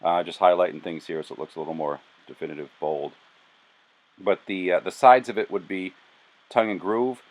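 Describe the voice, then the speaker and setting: A man with an extremely low, deep voice talks through a design sketch in a relaxed voice-over. His delivery is flat and monotone, casual and a little self-deprecating. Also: brisk, rough recording. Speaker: tree house builder narrating a sketch.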